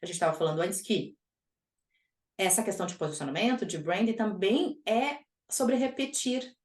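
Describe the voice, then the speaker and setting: An energetic woman hosts a podcast conversation in a casual, emphatic way. Her voice sits at an ordinary middle pitch. The room around her gives a noticeable echo. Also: moderate pace. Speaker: podcast host. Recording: echoey room.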